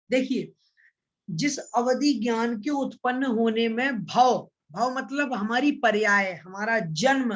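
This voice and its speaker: A man teaching an online scripture class, patiently explaining and repeating points, and chanting Sanskrit verses slowly. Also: high voice, a bit bright, lo-fi sound. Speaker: religious studies teacher.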